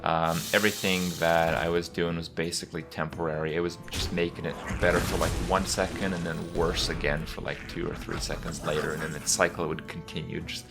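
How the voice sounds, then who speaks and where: Deep-voiced man, halting casual commentary. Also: flat delivery, vocal fry, music in the background. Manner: halting, rambling, with many pauses and repeats. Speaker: gaming video host.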